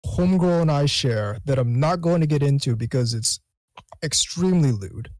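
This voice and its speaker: A man talks as a guest on a podcast, earnest and a little halting as he restarts phrases. The sound is dry, with no room around it. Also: mid-range voice, animated, darkish tone, no room sound. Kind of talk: casual chat.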